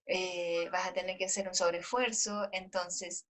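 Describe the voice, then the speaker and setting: A woman's voice: on the low side, fairly even intonation, unhurried. A woman taking part in a training session, thoughtfully explaining a workplace example. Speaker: training participant. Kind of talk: casual discussion.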